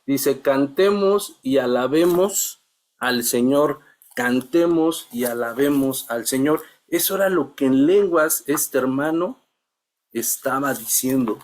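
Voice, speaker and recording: A middle-aged man shares a testimony with his church Bible class. His voice sits at an ordinary mid pitch. He speaks earnestly and haltingly, restarting his sentences and calling his listeners brothers.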